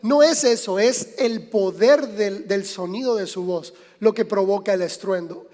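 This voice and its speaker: The long reverb of a church sanctuary surrounds a Mexican-accented pastor as he preaches, unhurried and speaking directly to those listening in a conversational manner. His voice is high with a darkish tone.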